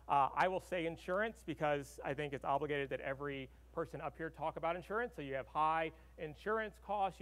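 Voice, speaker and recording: A middle-aged man from Arkansas stands at a podium in a large hall, delivering a conversational conference keynote packed with fillers and "right?" tags. His voice sits a little high.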